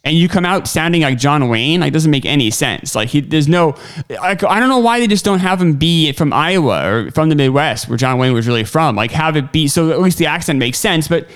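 A man's voice: a little high, lively intonation, a little fast, fairly bright tone, clean tone. A man hosting a podcast, his voice sitting a little above the usual male range. He rambles along in a casual, chatty way, padding his talk with "like" and "um". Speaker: podcast host. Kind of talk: casual film discussion.

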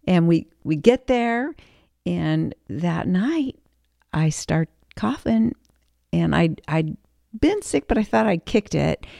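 A woman co-hosting a faith podcast, earnestly telling a personal story in relaxed conversation. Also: on the low side, takes it slowly, creaky, no echo, clean studio sound. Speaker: podcast co-host.

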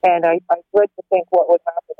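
A woman's voice: lowish voice, flat delivery, fast, no room sound. A woman calling in to a radio show on a mobile phone that keeps breaking up, her sentences choppy and cut off mid-phrase. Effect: mobile phone line breaking up, choppy dropouts. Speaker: caller. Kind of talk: radio call-in. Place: resident's room in a care home. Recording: tinny mobile phone line, distant from the phone.

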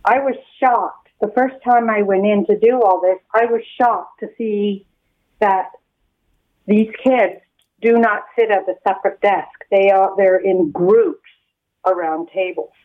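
A woman calling in to a radio show over the phone, speaking earnestly and emphatically with pauses. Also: medium pitch, steady tone. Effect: heard over the phone. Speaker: radio caller, lunch supervisor. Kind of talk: call-in radio chat. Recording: tinny phone line.

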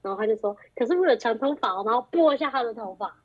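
A woman's voice: on the high side, rapid-fire. A young woman, telling a story in a casual chat and acting out the quoted lines with animation. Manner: animated, acts out quoted dialogue. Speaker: guest. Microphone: group phone call. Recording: muffled lo-fi call audio.

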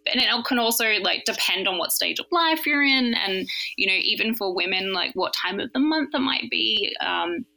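Bright-voiced woman explaining science. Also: medium pitch, animated, normal speed, creaky, hardly any pauses, poor audio. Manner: explanatory, many fillers and restarts. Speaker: guest explaining neuroscience. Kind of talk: casual conversational explanation.

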